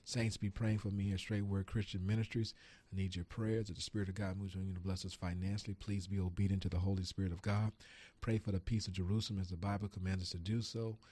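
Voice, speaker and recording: A pastor preaching a radio sermon, telling a personal story in an animated way with frequent laughs. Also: male voice, sits low, fast.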